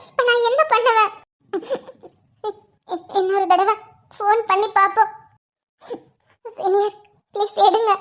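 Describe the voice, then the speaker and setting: A woman voicing an anxious young heroine. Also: extremely high pitch. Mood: pleading. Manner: pleading, distressed. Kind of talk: animated cartoon voice acting.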